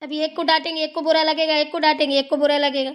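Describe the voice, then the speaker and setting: A woman's voice: high voice, flat delivery, fast talker, close to an everyday voice. A woman voicing an older village mother-in-law in a cartoon, homely and teasing as she scolds. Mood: mild. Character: stern but fond old village mother-in-law.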